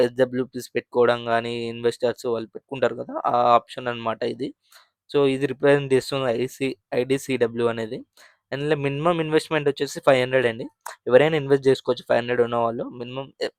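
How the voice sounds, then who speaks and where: A man's voice: medium pitch, no room sound, clean studio sound. A man hosting a finance channel, explaining mutual fund figures in a conversational way, with frequent fillers and restarts. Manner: conversational, many fillers and restarts, mixes English terms.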